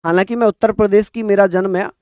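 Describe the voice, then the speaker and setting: A man from northern India teaching an exam-prep lecture, repeating points slowly for students to write down. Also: sits high, steady tone, dark tone, clean tone, no room sound, studio quality. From Uttar Pradesh, India. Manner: addresses students as bhaiya, repeats points for dictation.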